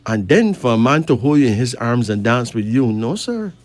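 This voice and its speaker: A man's voice: medium pitch, big pitch swings, moderate pace. A man from Barbados, chatting and reading cards, emphatic with rising questions. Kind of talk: casual chat and card reading.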